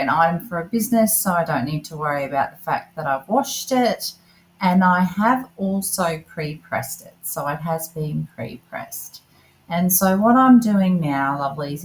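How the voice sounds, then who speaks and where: Low-pitched middle-aged woman, casual craft voice-over, chatty and self-mocking. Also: a little hiss or hum, rough recording. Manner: chatty, self-deprecating, calls viewers "lovelies". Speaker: craft vlogger.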